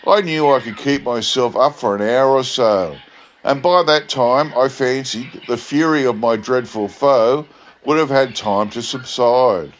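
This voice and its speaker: A man voicing a laconic bush drover who spins a tall tale in a deadpan, grave outback drawl. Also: medium pitch, unhurried, slight background noise, natural voice. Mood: dramatic. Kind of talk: dramatic bush yarn storytelling.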